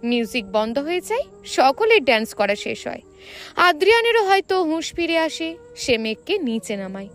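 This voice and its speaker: Here a female narrator performs a romantic tale with flair, her high voice bouncing lively between pitches. She reads at a normal speed over faint background music.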